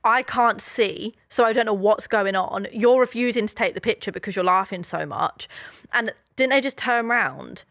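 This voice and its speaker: A woman's voice: medium pitch, normal speed, a bit bright, dry recording, clean studio sound. A woman in her twenties, co-hosting a podcast and telling stories in a chatty, rambling way full of fillers. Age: 20s. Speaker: podcast co-host. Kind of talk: casual chat.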